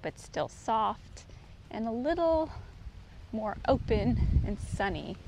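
On a forest trail, a middle-aged woman vlogger narrates casually and points things out as she walks, easygoing and descriptive. Her voice is on the high side and a little mellow, with big pitch swings and a slow pace. The recording is low quality, made on a handheld camera often at a distance, with faint outdoor noise.

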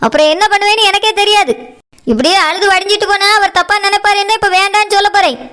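A woman's voice: very high-pitched, fast talker, bright, forceful tone. A woman voicing a stern, domineering mother who talks in a harsh, commanding way, in a cartoon. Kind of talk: cartoon voice acting.

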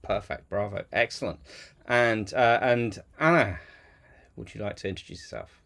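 A man's voice: lowish voice, animated, normal speed, gravelly, fairly bright tone. A man chairing an online community call in a chatty way, with many fillers, over a video call mic. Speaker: meeting chair.

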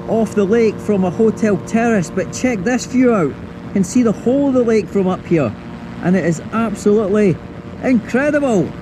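A Scottish man vlogging enthusiastically from a helicopter, talking straight to his viewers. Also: high voice. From Scotland. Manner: enthusiastic, addresses viewers directly. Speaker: travel vlogger. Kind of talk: casual vlog narration. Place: helicopter over a lake, then outdoors at an airstrip. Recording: loud engine and outdoor noise.

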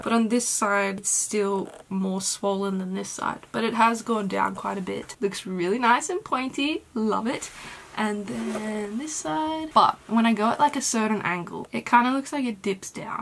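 A young Australian woman talking to her camera in a casual, excitable vlog update, swearing freely. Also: mid-range voice, vocal fry, slight background noise. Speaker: vlogger.

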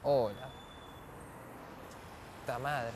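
A man's voice: mid-range voice, extremely slow, noisy background. A young man with an Argentine accent, teasing strangers with brash, cheeky banter outdoors in a park as a street prankster. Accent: Argentine Spanish.

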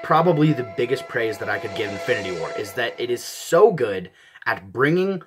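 A man's voice: medium pitch, very animated, normal speed, rough recording. A young man casually reviewing a film, gushing with enthusiasm and filling his talk with "like". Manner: gushing, enthusiastic, frequent "like" fillers. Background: background music.

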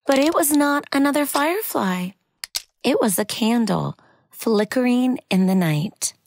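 A woman reading a picture book aloud as expressive children's narration, with exaggerated cartoon-like intonation. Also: a little high, unhurried, slight background noise.

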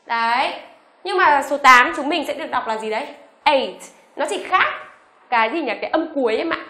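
Bright, high-voiced woman teaching a class. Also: lively intonation, echoey room. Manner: asks the class rhetorical questions; reads letters aloud slowly for repetition. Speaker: English teacher. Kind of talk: online lesson for beginners.

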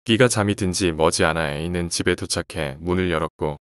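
A man calmly reading out horror stories in an even, casual storytelling way. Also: low-pitched, normal speed, clean tone, no room sound, clean studio sound. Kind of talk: scripted horror story narration.

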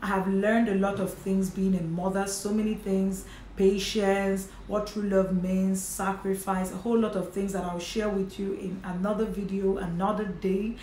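A Nigerian vlogger and mother in her thirties talks casually to camera about motherhood, earnest and chatty with light laughs, in a mellow, mid-range voice at an even tone and normal pace. She sits in a home office with a bookshelf and curtains, the camera at desk distance in front of her. The room is echoey, with a faint hiss.

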